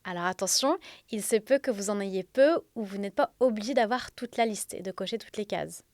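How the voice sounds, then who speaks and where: A woman's voice: medium pitch, a little fast, darkish tone, no room sound. A woman hosting a self-help episode, explaining directly and conversationally in a slightly throaty voice, with a sore, swollen throat from tonsillitis. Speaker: podcast host. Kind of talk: spoken self-help episode addressed to listeners.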